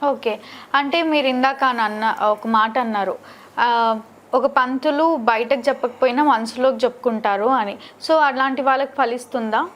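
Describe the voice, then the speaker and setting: Woman interviewer, somewhat high voice, brief prompting questions, restates points. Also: moderate pace.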